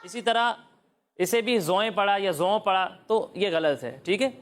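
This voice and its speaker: Children's Quran teacher, patient quizzing, slow demonstration of each sound, mid-pitched voice. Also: animated. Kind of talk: children's Quran recitation lesson.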